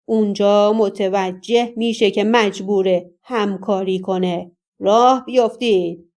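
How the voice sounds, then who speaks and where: A woman doing a gruff, menacing male kidnapper. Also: mid-range voice, fairly even intonation, darkish tone, natural voice. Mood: commanding. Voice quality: thick, gruff voice. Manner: harsh, commanding.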